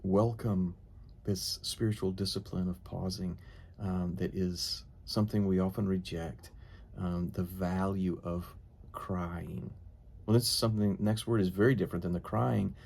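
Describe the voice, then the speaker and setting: Gravelly low-voiced man teaching devotionally. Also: fairly even intonation, measured pace, darkish tone.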